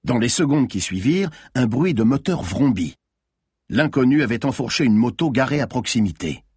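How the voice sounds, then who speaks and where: A man's voice: medium pitch, very animated, moderate pace, a little mellow, husky, no room sound, clean studio sound. A man reading a thriller audiobook aloud with tense, dramatic narration.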